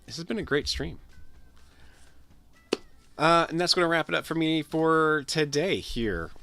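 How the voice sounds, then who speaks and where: Wrapping up a game stream, a livestreamer with a sick, nasal voice chats casually with viewers, rambling, repeating words and restarting sentences. His voice is a little high, a little slow, creaky, pushed and bright, with faint music behind it.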